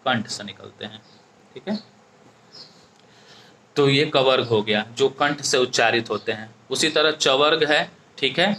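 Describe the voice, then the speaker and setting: Male tutor, bright forceful voice, faint hiss behind, patient step-by-step exam coaching. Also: medium pitch, a little slow, pauses often. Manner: explains step by step, keeps asking "ठीक है?". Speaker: teacher. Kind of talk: exam-prep grammar lesson.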